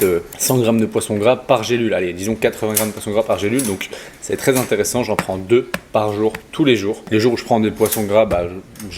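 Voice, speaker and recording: A man's voice: fairly low pitch, noisy background. A young man, a fitness coach talking casually to camera in a vlog, explaining as he goes with hesitations and self-corrections. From Belgium. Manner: chatty, explanatory, frequent "euh" fillers and self-corrections.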